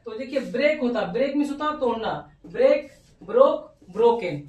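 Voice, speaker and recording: A woman's voice: fairly high pitch, expressive, a little fast, darkish tone, distant mic, lo-fi sound. A woman teaching English grammar in Hindi, spelling words letter by letter, repeating verb forms and asking rhetorical check-in questions. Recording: echoey room, voice off-mic.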